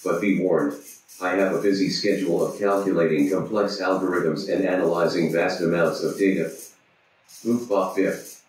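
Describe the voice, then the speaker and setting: A man's voice: sits low, steady tone, normal speed, darkish tone, natural voice. A man voicing a boastful, pompous robot chatbot that adds beep-boop noises, in a very echoey room, far from the mic. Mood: smug.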